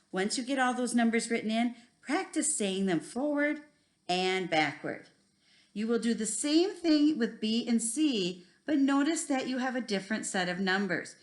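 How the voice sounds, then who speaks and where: A woman with a mid-range, slightly bright voice leads a first grade math video lesson for young children. She keeps her words simple and encouraging, in the style of a kids show host.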